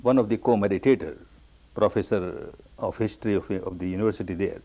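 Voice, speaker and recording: A man from Burma giving a meditation discourse, telling his own story with repeated, emphatic phrases that jump up high on the key words. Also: a little fast, mellow. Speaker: meditation teacher.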